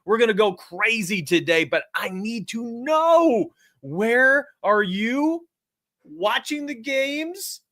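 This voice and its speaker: A New York man of forty hosts a sports betting livestream, chatting energetically and speaking straight to his chat. His voice is extremely high and his pace slow, recorded at studio quality with no echo.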